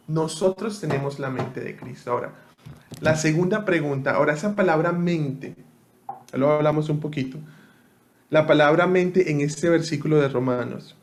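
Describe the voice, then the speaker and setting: Young man, slightly high voice, casual Bible teacher checking in with listeners. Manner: conversational, asks listeners often. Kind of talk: interactive online Bible teaching.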